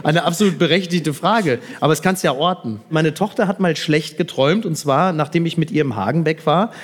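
Male podcast guest, animated storyteller with a somewhat high voice and a long reverb on the recording. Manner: animated storyteller, quick to laugh. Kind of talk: casual chat.

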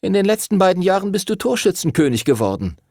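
A man's voice: high-pitched, very animated, quick pace, darkish tone, no echo, clean studio sound, pitched above the performer's own voice, heavily acted. A man voicing a nerdy know-it-all schoolboy. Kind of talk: audiobook character voice.

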